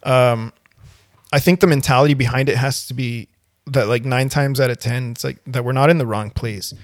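A young man co-hosting a podcast in casual banter, animated, slangy and freely profane. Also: medium pitch, normal speed, no echo, studio quality. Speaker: podcast co-host.

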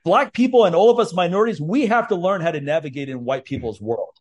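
A man's voice: a little high, expressive, fast talker, darkish tone, slight background noise. A man hosting a podcast, talking bluntly and heatedly with a lot of swearing. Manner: blunt, profane, heated storytelling. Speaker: podcast host. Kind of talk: casual podcast chat.

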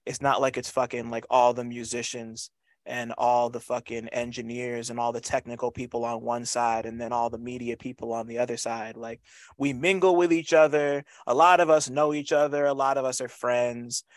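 A man's voice: medium pitch, fairly even intonation, no echo. A man talking casually in an interview, repeating words as he feels his way along, with loose slang and swearing. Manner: halting, repeats words, frequent "you know". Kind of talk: casual conversational interview talk.

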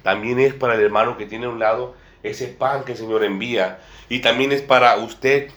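A male preacher speaks at a middle pitch, in a room with noticeable echo. He delivers his sermon in a repetitive way, circling back on his phrases and addressing his listeners again and again as brother and sister. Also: steady tone, normal speed, a bit bright. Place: church room with a table and a small congregation. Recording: echoey room.

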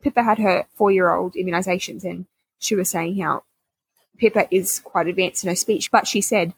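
A woman's voice: on the low side, fairly even intonation, normal speed, gravelly, slightly rough, no echo, rough recording. A young woman co-hosting a parenting podcast, agreeable and reassuring in casual chat. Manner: agreeable, reassuring, laughs often. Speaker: podcast co-host.

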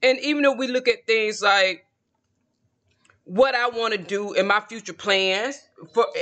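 High-pitched, bright, and forceful, a man in his late forties addresses the camera alone as a tarot video creator. The casual monologue is confident and meandering, looping back to the same ideas.

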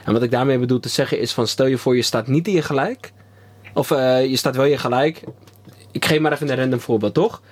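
A man, co-hosting a podcast in casual chat, rambling with many pauses and slang. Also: mid-range voice. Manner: rambling, pauses with ehm, slang-heavy storytelling. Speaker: podcast co-host.

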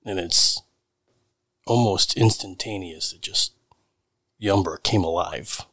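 A man's voice: sits low, slow, a bit bright, no echo. A man playing a tabletop roleplaying game, chatting casually in and out of character.

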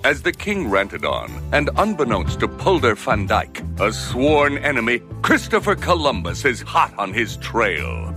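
A man's voice: medium pitch, huge pitch swings, unhurried, few pauses, over music. A man giving dramatic scripted narration as a storyteller.

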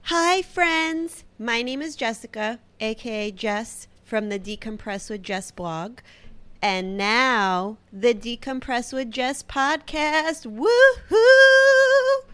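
A woman's voice: a little high, a bit bright. A woman in her thirties with a Brooklyn accent, hosting a solo podcast in a chatty, self-deprecating way. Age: 30s. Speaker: podcast host. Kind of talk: casual solo podcast talk.

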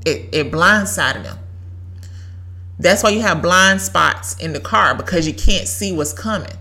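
A woman's voice: lowish voice, lively intonation, a little slow, sharp tone. A woman, giving an emphatic, preachy faith talk as a podcast host and repeating lines for effect. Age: 30s. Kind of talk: faith-based motivational talk.

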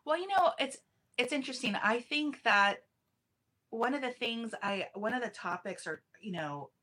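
A woman's voice: on the high side, expressive, normal speed, sharp tone, husky. A woman speaking as a numerology guest in a casual podcast interview, chatty, restarting her sentences and laughing easily.

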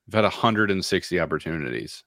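A man co-hosting a podcast, chatting casually about sports, animated and quick to laugh. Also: low-pitched, creaky, no room sound, clean studio sound. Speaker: podcast co-host.

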